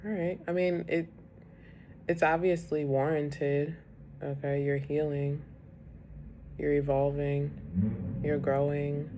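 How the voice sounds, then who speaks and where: Low-voiced woman chatting through a tarot reading. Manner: chatty, rambling, drifts into whispers. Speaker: tarot reader. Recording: loud background noise.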